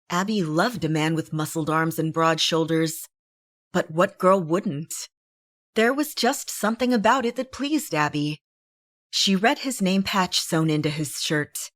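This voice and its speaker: A woman giving a steady, expressive scripted reading of a romance novel. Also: on the low side, no room sound, clean studio sound. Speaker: audiobook narrator.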